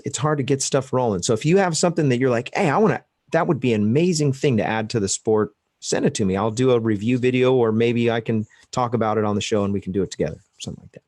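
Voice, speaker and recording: A man's voice: medium pitch, darkish tone, no room sound. Man, podcast host, hesitant, rambling, dry recording. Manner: rambling, hesitant, lots of fillers. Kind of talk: casual podcast chat.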